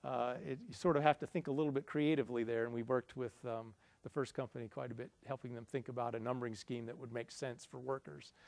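A man's voice: mid-range voice, fairly even intonation, quick pace, gravelly, few pauses, darkish tone, dry recording. A middle-aged man giving a conference presentation, explaining a slide in a conversational, self-deprecating way. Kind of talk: lecture with audience Q&A. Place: indoor conference room, presenting at a projector screen.

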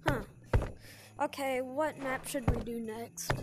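High voiced woman playing a vr game, slow rambly excited commentary, keeps repeating herself. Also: very noisy. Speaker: gaming video creator. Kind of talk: casual gameplay commentary.

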